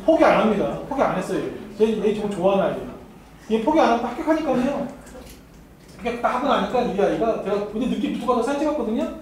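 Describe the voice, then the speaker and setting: A very high-pitched man runs a university admissions seminar, teasing the students and laughing often as he talks to them directly. He sounds distant from the microphone in a strongly echoing hall with a faint hiss underneath. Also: animated, fast talker. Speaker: academy admissions lecturer. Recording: very echoey hall, mic far off, faint noise.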